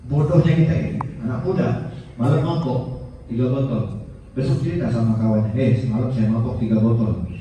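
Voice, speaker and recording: A man with an Indonesian accent preaching a sermon in a prayer hall, telling stories with big swings between high and low. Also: far from the mic, muffled recording, a little hiss or hum. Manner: animated storytelling, pitch swinging high and low. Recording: echoey hall, heard from afar.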